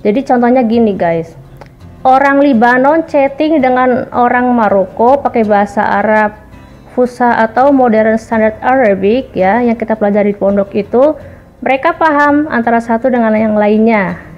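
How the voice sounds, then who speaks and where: A woman's voice: a little high, normal speed, a little mellow. A woman vlogger talking casually to her viewers, explaining points one by one in a chatty way. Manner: chatty, addresses viewers as guys, lists points. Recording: muffled audio with faint background music.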